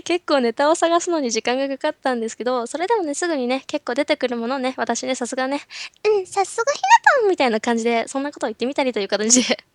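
A woman's voice: high-pitched, quick pace, fairly bright tone, no room sound, clean studio sound. A woman, a voice actress, hosting a casual solo cast talk, playful and chatty with frequent giggles.

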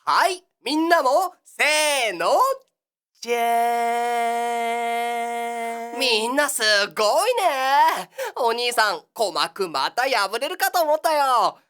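A woman's voice: fairly high pitch, lively intonation, takes it slowly, a bit bright, clear, resonant tone. A woman playing the cheery big-brother host of a children's exercise show, talking in a sing-song, coaxing patter in a comic monologue.

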